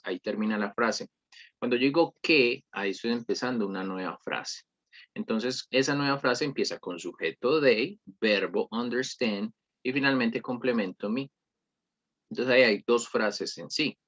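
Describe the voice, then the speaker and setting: A man's voice: fairly low pitch, fairly bright tone, muffled recording. A man reviewing an English workshop, patiently explaining and often correcting himself. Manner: patient, repeats "¿listo?" often; corrects himself mid-sentence. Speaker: English teacher. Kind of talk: screen-recorded lesson review.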